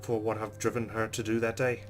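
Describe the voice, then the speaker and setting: With a lowish voice and flat delivery, a man briskly reads out visual novel narration for a let's play, dropping in casual remarks. It's a recorded voice-over with soft game music in the background.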